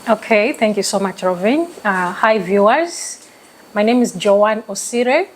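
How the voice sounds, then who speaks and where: A woman's voice: mid-range voice, animated, unhurried, slight background noise, low-quality recording. Earnest Ugandan woman speaking as a guest. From eastern Uganda. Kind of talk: studio talk show guest.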